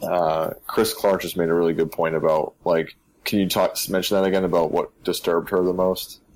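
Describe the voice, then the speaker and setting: A man's voice: sits low, level tone, moderate pace, darkish tone, slight background noise. A man in casual chat, thinking aloud and rambling with frequent restarts as he talks through theories. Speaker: co-host of a game discussion stream.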